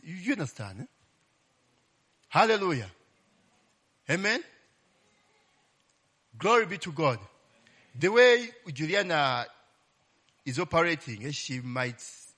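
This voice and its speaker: Sharp in tone and sitting in the mid-range, a man's voice delivers an informal sermon teaching from the Bible. He leans on call-and-response, keeps tagging lines with "eh?", and exclaims "Glory be to God" and "Hallelujah."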